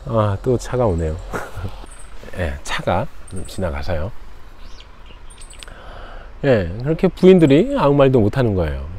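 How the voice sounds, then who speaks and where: A man from Jeju, a channel host, casually retelling a folktale outdoors in a relaxed, conversational way. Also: on the low side, takes it slowly, long pauses, slight background noise. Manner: relaxed, conversational, frequent fillers.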